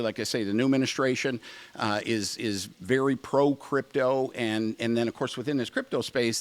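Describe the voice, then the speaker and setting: A middle-aged man hosting a podcast interview, speaking emphatically and repeating his points. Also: medium pitch. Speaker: podcast host. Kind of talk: casual interview.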